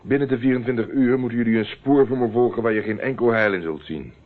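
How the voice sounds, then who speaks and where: A male actor in a radio drama plays a dogged, self-assured private investigator, speaking in a matter-of-fact, clipped way that sounds guarded and insistent. His natural, medium-pitched voice moves fast, heard on a narrow old radio recording.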